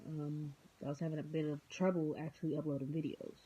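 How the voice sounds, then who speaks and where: A woman's voice: low voice, level tone, quick pace, warm tone, breathy edge. Tired, rambling young woman vlogging. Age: 20s. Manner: rambling, unscripted, many filler ums; goofy. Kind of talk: casual vlog chat. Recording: dull lo-fi sound.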